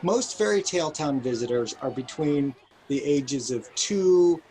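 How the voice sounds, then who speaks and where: An unhurried, animated voice of middle pitch and dark tone belongs to the director of a children's park being interviewed, captured on a poor-quality recording. The guest answers thoughtfully, with earnest emphasis and carefully chosen phrasing.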